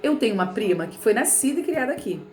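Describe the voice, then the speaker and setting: A woman teacher from Rio de Janeiro talks through a textbook lesson with a Carioca accent. Her voice sits a bit high, and she keeps checking in with her students as she explains. The room around her is echoey. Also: big pitch swings, quick pace, a little mellow, slight background noise. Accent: Carioca Portuguese. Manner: chatty, explanatory, frequent "né" and "tá bom". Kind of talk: remote lesson reading from a textbook.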